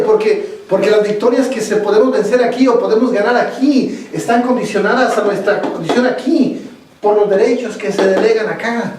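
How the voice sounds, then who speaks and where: High-voiced pastor echoing in a church. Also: male voice, a little mellow, slight background noise. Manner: halting, repeats words and asks the room questions. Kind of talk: Bible study sermon. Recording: echoey church hall, distant mic.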